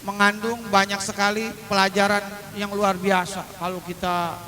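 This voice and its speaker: A man preaching a humorous religious lesson, chanting verses slowly to show their pronunciation and joking in colloquial asides to his congregation. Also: high-pitched, level tone, bright, forceful tone, slight background noise. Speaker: Islamic preacher.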